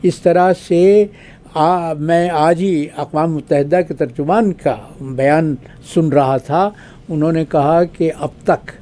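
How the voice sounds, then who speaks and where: An older man from Pakistan, a retired diplomat and guest analyst, gives formal commentary at a measured pace and pauses with drawn-out fillers. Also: fairly high pitch, warm tone.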